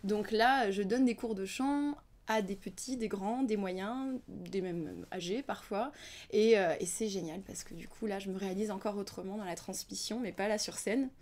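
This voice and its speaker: Young woman singer chatting in an interview, lots of ums, trails off soft sometimes. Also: mid-range voice, normal speed. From Ukrainian family background, raised in France. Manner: thoughtful, hesitant with many fillers, drops to near-whisper at times. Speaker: singer and singing teacher being interviewed. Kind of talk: casual interview talk.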